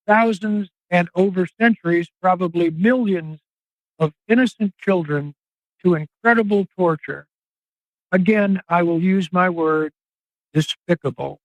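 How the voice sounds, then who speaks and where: Older male reporter guest, high-pitched, earnest and emphatic in an interview, dry dull podcast sound. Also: dry recording. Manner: earnest, emphatic, drawn-out phrasing. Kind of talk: impassioned interview monologue.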